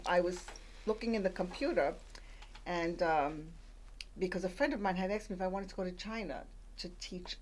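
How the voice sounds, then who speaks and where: An older Puerto Rican woman who grew up in the Bronx tells her life story as a radio guest, chatting with lots of fillers and restarts. Her voice is on the low side at a normal speed, with slight background noise behind it.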